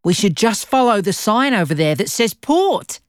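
A woman's voice: mid-range voice, sing-song, normal speed, natural voice. A woman playing a confident, easygoing young male racer in an audio drama, with a breezy delivery. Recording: clear background noise, vehicles and ambience.

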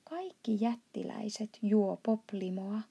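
The BFG, as a woman reads him, gravelly and blustering. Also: mid-range voice, lively intonation, highs cut off, heavily acted. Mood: earnest. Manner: mangled grammar and made-up words, shouts in outbursts. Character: huge kindly old male giant, blustering.

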